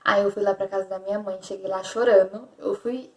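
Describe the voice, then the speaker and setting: A woman's voice: medium pitch, fairly even intonation, a little fast, recorded from a distance. A young woman from Brazil, a vlogger telling a personal story candidly and repeating words as she goes. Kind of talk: personal confessional vlog. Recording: echoey room, voice off-mic.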